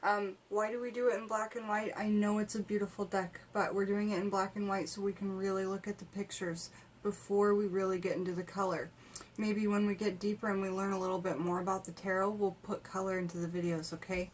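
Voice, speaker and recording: A woman's voice: mid-range voice, little pitch movement, a little fast, a little hiss or hum. A woman vlogging about tarot from home in a rambling, conversational way, full of fillers and restarts. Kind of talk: casual chat.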